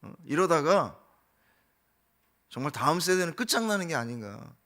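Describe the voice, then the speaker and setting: A man's voice: fairly high pitch, big pitch swings, normal speed, a bit bright. A middle-aged man preaching a dawn prayer sermon as pastor, impassioned, firing off rhetorical questions and acting out quotes. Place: church sanctuary.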